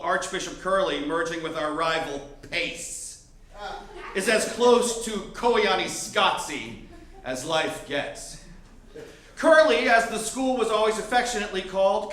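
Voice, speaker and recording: A man's voice: sits high, sharp tone, echoey room. A man from Miami telling a wry, sardonic personal story onstage in a theater. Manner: wry, sardonic, building to mock outbursts. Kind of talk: live storytelling performance. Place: theater stage.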